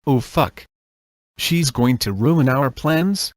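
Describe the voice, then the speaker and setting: A man voicing an unhinged young woman who shrieks in sudden outbursts, in a dark comic storybook reading. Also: medium pitch, expressive, slow pace, no echo, studio quality. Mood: alarmed.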